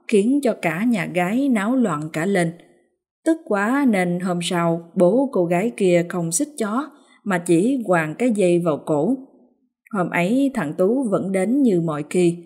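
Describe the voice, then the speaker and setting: Brief: female storyteller, scripted narration, lower register. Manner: even, storytelling.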